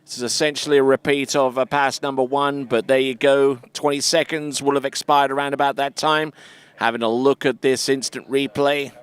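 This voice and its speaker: A man giving live water ski commentary in a measured way, with frequent fillers. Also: medium pitch, little pitch movement, smooth, no room sound.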